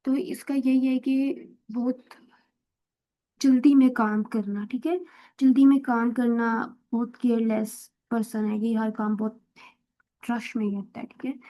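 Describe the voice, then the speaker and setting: A woman's voice: fairly high pitch, warm tone, low-quality recording. A woman teaching English vocabulary in casual Hindi-Urdu mixed with English, explaining patiently and often checking in with "theek hai?". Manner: mixes English phrases into Hindi-Urdu talk.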